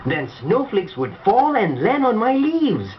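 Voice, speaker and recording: A woman's voice: medium pitch, big pitch swings, measured pace, lo-fi sound, slight background noise. A woman voicing a cheerful talking coconut palm who paints.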